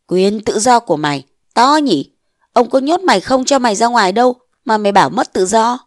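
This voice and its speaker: A woman's voice: fairly high pitch, lively intonation, a little fast, dry recording, studio quality, lightly acted. A woman voicing a pompous, bullying old mandarin who scolds and blusters, in a storybook reading. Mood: blustering.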